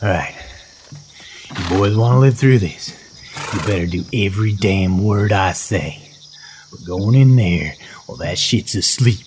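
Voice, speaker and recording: A man's voice: low voice, unhurried, slight background noise. A man playing a brutal frontier father. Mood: gruff orders. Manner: snarling, threatening, bursts into yelling. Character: violent, foul-mouthed frontier father. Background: guitar music.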